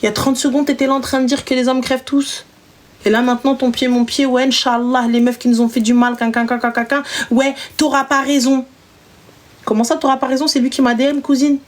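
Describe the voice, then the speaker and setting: A woman's voice: high voice, level tone, fast. A young woman hosting a casual live stream, chatting with callers in a slangy, teasing, big-sister way. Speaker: live stream host giving advice.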